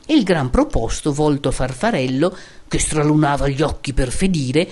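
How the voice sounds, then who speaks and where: A woman giving a measured, expressive recitation of old epic poetry. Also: deep voice.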